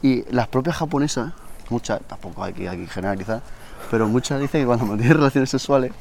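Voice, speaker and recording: A man's voice: medium pitch, fast, vocal fry. Young guy just chatting, jokey, a bit of background hiss. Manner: animated, joking, slangy. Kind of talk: casual chat.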